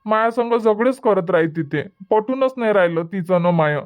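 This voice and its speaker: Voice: medium pitch, expressive, moderate pace, close to an everyday voice. A voice actor playing a pleading, henpecked grown son in a cartoon comedy, with a whiny manner. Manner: pleading, whiny, soft-spoken.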